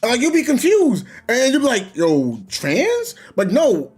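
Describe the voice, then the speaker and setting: Faint music plays behind a male gaming streamer whose very high-pitched, breathy voice runs a little slow. Chatting casually as he games, he tells a long, rambling story and animatedly voices the characters' quotes.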